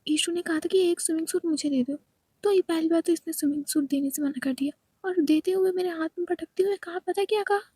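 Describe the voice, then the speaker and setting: A woman voicing a whiny young woman who takes offence easily and complains loudly. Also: high-pitched, brisk, no room sound, natural voice. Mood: aggrieved. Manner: loud, complaining, tearful pleading.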